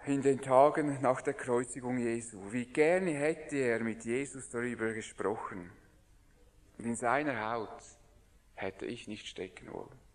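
A man preaching a sermon in an earnest manner, sometimes dropping to a hushed voice. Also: medium pitch, measured pace, big-room sound.

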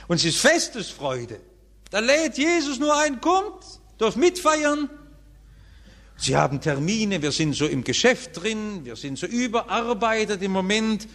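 A man delivers a sermon from the pulpit, pressing his points with sudden rises and falls in pitch and loudness. His voice sits a bit high for a man. Long reverberation from a church hall surrounds every word. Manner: emphatic preaching with wide swings in pitch and loudness. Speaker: pastor.

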